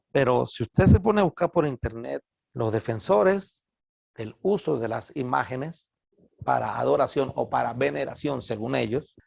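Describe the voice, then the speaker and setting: A man's voice: medium pitch, creaky, darkish tone, dry recording. A middle-aged man, a pastor giving an earnest recorded Bible lesson, addressing listeners as brothers. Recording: dull, dry lo-fi recording.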